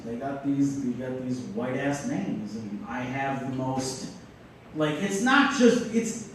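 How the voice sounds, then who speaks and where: A man's voice: a little high, a bit bright, recorded from a distance, a little hiss or hum. A man doing a stand-up comedy set on a club stage, riffing loosely and making fun of himself. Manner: riffing, loose and self-mocking. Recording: echoey room, voice from afar.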